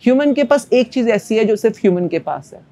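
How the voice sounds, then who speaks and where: A woman's voice: fairly high pitch, expressive, brisk, mellow. A woman, a manifestation coach, speaking as a podcast guest and explaining ideas in an earnest, teacherly way with everyday analogies. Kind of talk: spiritual podcast conversation.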